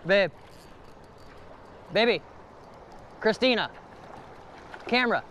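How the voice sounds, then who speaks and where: A young man, vlogging excitedly while fishing on a riverbank, talking to viewers and repeating his exclamations. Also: sits high. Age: young adult. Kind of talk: casual outdoor fishing vlog. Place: riverbank outdoors. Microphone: on-camera mic and head-mounted camera. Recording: rushing river noise outdoors.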